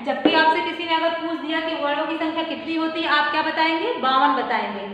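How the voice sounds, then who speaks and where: A woman's voice: high voice, a little fast, fairly bright tone, highs cut off. A woman teaching a grammar lesson to children, asking questions and answering them herself. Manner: calls the pupils "child" and repeats key terms. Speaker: school teacher. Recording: very echoey room, faint background noise.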